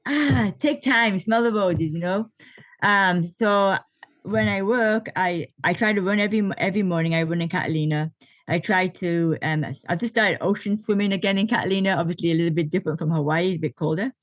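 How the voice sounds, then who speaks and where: Over a video call, a woman in her late fifties who is an ultra triathlete chats as a podcast guest in a relaxed interview, laughing often and using many fillers. Her voice is fairly low and a little fast, with no room sound.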